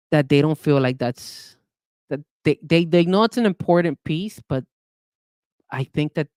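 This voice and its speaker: A man co-hosting a casual sports podcast, talking in an animated way with frequent restarts and hedges. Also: medium pitch, no echo. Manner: animated, hedging, many restarts. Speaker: podcast co-host.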